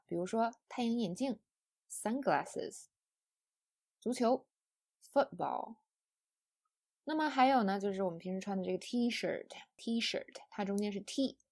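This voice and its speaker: Mellow-voiced woman teaching pronunciation. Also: medium pitch, breathy edge. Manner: patient, explanatory, uses fillers. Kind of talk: scripted lesson narration.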